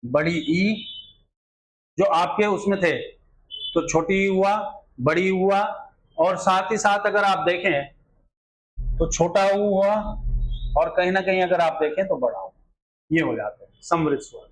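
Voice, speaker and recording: High-voiced man teaching Hindi grammar. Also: measured pace, long pauses, low-quality recording. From India. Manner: repetitive filler phrases, rhetorical questions to students. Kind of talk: exam-prep grammar lesson.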